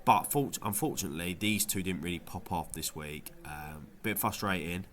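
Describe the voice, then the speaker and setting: A man with a cold talks through his fantasy football week in a casual vlog, his low, slightly bright voice sounding nasal at a normal pace. He rambles a bit, with plenty of ums and restarts.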